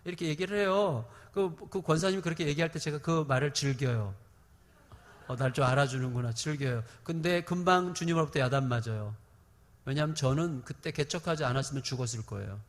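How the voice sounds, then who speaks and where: A middle-aged man preaching in a church, his fairly high voice ringing with a long hall reverb. He hammers home repeated lines and swings from loud declarations to hushed, confiding stretches. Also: fairly quick. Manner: emphatic preaching with repeated phrases and sudden swings in loudness. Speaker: pastor. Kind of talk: sermon.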